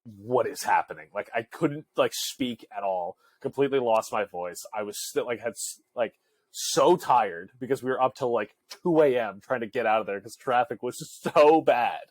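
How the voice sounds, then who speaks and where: A man's voice: mid-range voice, lively intonation, moderate pace, dry recording. A young man co-hosting a podcast, telling a rambling story full of fillers and asides in casual chat. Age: young adult. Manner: rambling, filler-heavy storytelling with frequent laughs. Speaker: podcast co-host.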